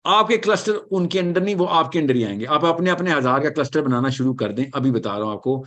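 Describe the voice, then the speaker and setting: A man leads an animated question-and-answer session. His voice sits slightly high, and he drives points home emphatically, weaving English phrases into his talk. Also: quick pace. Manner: emphatic, switches often into English, repeats reassurances. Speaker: lecturer answering audience questions.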